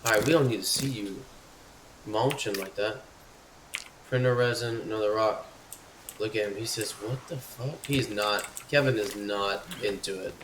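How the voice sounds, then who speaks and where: A man's voice: on the low side, moderate pace, distant mic. A man streaming live gameplay commentary, who chats to his in-game companion and yelps and swears at sudden scares. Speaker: gaming streamer. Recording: echoey room, off-mic, noisy.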